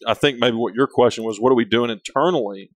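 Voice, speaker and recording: A company leader with a big voice and a big personality speaks candidly as a guest in a casual interview, rambling and frequently restarting his sentences. He talks fast at a medium pitch, with no echo in the recording.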